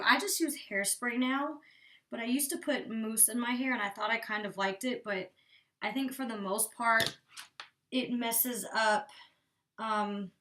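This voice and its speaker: A beauty vlogger's slightly high, sharp voice comes through with a little hiss or hum, picked up at a distance from the mic. The young woman rambles casually through a hair tutorial, saying "like" often and sounding a little congested and out of breath.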